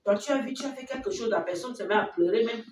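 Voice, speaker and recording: A woman's voice: fairly high pitch, fast talker. A woman with a Cameroonian French accent leads a children's Sunday school lesson, quizzing the children and acting out small moments between a child and its mother. She is picked up from a distance in a reverberant church hall, with faint noise underneath. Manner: acts out child and mother voices, asks the children questions. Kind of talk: children's Bible lesson with acted scenes.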